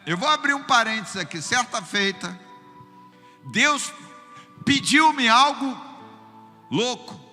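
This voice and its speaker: A pastor with a Brazilian accent preaches a sermon in an extremely high-pitched voice with a long reverb tail. He is lively and humorous, telling funny stories and repeatedly turning to the congregation to call them brother.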